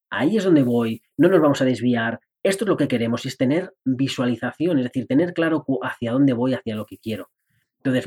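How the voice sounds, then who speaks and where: Husky, chatty male podcast host. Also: mid-range voice. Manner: chatty and playful, laughs at himself, acts out inner voices. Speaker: podcast host and personal development coach. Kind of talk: casual podcast monologue.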